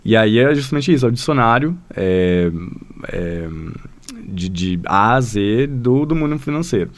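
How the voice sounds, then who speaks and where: A man's voice: medium pitch, expressive, a little slow. Brazilian man telling stories in rambling chat. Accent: Brazilian Portuguese. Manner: rambling, filler-heavy storytelling that often addresses the listener. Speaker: guest, language school founder. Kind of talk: casual podcast conversation.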